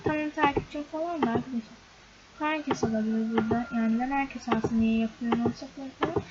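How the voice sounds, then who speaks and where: A young woman who makes gaming videos talks to her viewers over a game screen recording in a brisk, steady, fairly high voice. Her chatter is casual and often exasperated, and the recording sounds dull and lo-fi under loud background noise.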